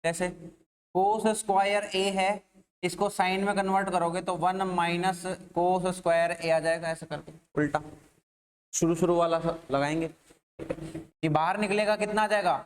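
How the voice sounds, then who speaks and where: A male maths teacher with a Rajasthani Hindi accent lectures a class in a high voice. He walks through formulas step by step. He keeps asking the students questions and then answering them himself.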